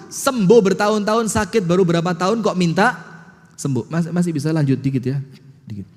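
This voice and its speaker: A man preaching a sermon, telling a story rhetorical questions to the audience and slowly chanting verses. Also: sits high, long reverb tail.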